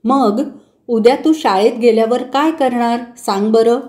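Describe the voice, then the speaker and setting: Woman doing the calm mom voice, gentle lecturing, mellow, echoey. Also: on the high side, measured pace, lightly acted. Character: patient caring mother, gently scolding her son. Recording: roomy echo.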